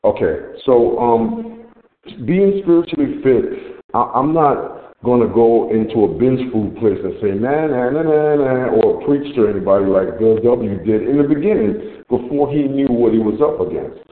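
A man's voice: mid-range voice, lively intonation, normal speed. A man sharing at a recovery meeting over the phone, his voice ringing as if in an echo chamber, often repeating and restarting his words. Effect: echo chamber sound over a phone line. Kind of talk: rambling personal share. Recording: echoey, roomy phone line.

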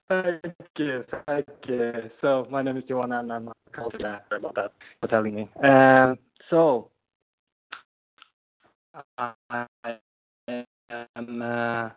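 Man, crackly phone line fading in and out, tinny narrow sound, earnest halting share, middle pitch. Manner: earnest and halting, with many restarts. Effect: crackly phone line that fades in and out. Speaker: member sharing at a recovery meeting. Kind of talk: personal share in a support meeting.

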